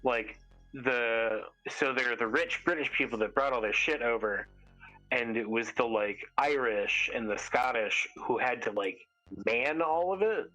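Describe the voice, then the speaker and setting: A relaxed man with a mid-range voice explains his moves and jokes with the table. Faint music sits underneath him. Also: mid-range voice, unhurried, rough recording. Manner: laid-back, joking. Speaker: player. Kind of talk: in-character tabletop play.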